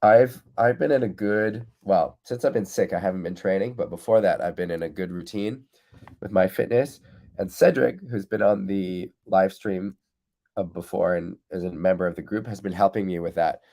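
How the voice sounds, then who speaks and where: With a low, darkish voice at normal speed, a man hosts a live windsurf coaching stream. Still congested after losing his voice, he chats casually, reading viewers' comments aloud and answering them directly.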